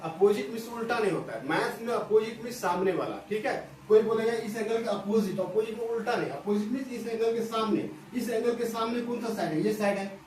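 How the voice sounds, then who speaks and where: Male maths teacher, high voice, patient repeated explanations, recorded from afar in a very echoey room. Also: darkish tone. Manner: explains step by step, repeats phrases, checks understanding often. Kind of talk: whiteboard lesson for school students. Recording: echoey room from a distance, faint hiss.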